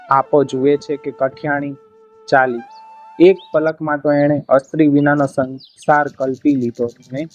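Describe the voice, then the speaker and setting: A man narrates a folk tale in a steady, dramatic storyteller's manner, at a mid pitch. The recording sounds dull and lo-fi, with faint music behind his voice. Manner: steady dramatic storytelling, voicing cries of the characters. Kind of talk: reading a Gujarati folk tale aloud.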